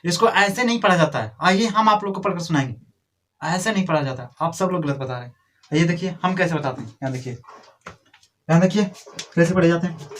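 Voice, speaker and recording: A man's voice: on the high side, animated, fairly quick, a bit bright, slight background noise. Scolding man teaching a class. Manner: scolding, repetitive drilling, addresses pupils directly. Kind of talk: classroom grammar lesson.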